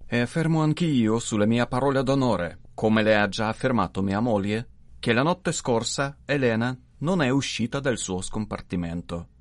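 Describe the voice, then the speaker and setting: A man's voice: mid-range voice, normal speed, dry recording, lightly acted. A man voicing a proud, hot-tempered young diplomat who speaks with indignant emphasis, in a dry, close recording. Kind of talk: audiobook dialogue reading.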